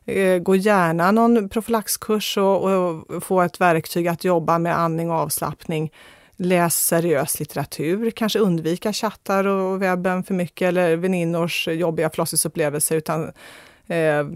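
A woman speaking as a guest expert, giving measured advice with frequent hesitations. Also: on the low side, fairly even intonation, no room sound, clean studio sound. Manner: measured, advisory, with many fillers and restarts. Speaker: guest expert on fear of childbirth. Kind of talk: conversational radio interview.

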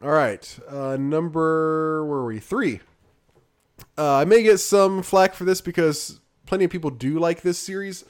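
A man's voice: fairly high pitch, a little slow, smooth. A man co-hosting a podcast, chatting casually about video games in a loose, rambling way full of fillers that often trails off. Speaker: podcast co-host.

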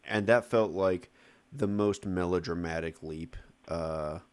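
A man with a very low voice hosts a casual film podcast. He jokes lightly and moves the talk along from topic to topic. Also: slow, smooth. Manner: joking, leads the discussion. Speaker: podcast host. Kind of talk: casual film review chat.

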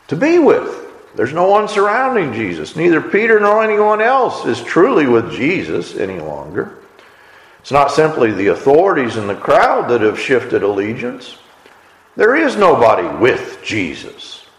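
A man's voice: on the high side, vocal fry. A man preaching a sermon, retelling a story and briefly acting out the characters' lines with expression. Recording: echoey hall.

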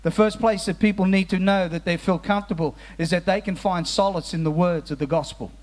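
A man preaching in a church hall, his voice sitting high for a man. He talks earnestly, stumbles and repeats words as he restarts, then slows and sinks soft on the solemn lines. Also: fairly even intonation. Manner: drops to slow, soft tones on solemn phrases. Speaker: pastor. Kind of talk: sermon. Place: church hall with musicians present.

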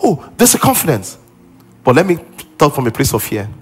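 A man's voice: on the high side, sing-song, a little fast, slightly rough. A male pastor preaching a sermon with emphasis, repeating key lines and acting out what people say.

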